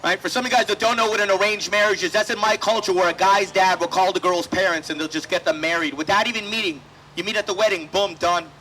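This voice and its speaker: A man's voice: high voice, steady tone, fast talker, pushed and bright, slight background noise, low-quality recording. A man doing profane stand-up crowd work on an outdoor festival stage. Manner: profane, conversational crowd banter. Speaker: stand-up comedian.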